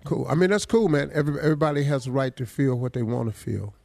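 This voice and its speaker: A man hosting a call-in radio show, talking earnestly and slowing down to stress his points. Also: mid-range voice, lively intonation, gravelly, darkish tone, dry recording.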